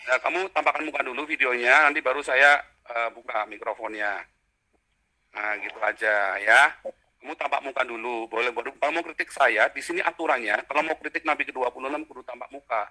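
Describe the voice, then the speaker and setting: A man's voice: mid-range voice, fairly quick, bright, forceful tone. A man hosting a heated video-call debate, talking in a mocking, vulgar and combative way.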